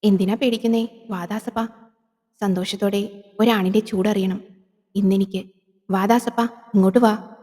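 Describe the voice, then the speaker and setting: A woman voicing a vengeful, seductive female yakshi spirit in a horror audio drama, coaxing slowly and intimately. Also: medium pitch, fairly even intonation, mellow, in a large hall, close to an everyday voice. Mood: luring.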